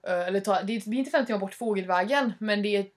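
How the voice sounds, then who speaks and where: A young woman casually telling a story to a friend, animated, acting out her own reactions and swearing freely. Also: medium pitch.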